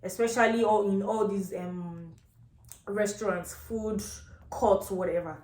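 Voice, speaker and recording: A woman's voice: mid-range voice, fairly even intonation, unhurried, a little mellow. A woman with a Nigerian accent telling a casual story as a rant, exasperated and emphatic, repeating phrases for effect. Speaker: vlogger. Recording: echoey, reverberant room sound.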